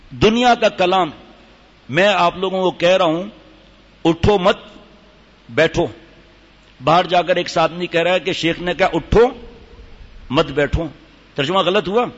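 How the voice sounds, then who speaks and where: A man's voice: high-pitched, a bit bright. An older man giving a sermon to a gathering, telling stories and demonstrating recitation. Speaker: religious teacher. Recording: dull hall reverb.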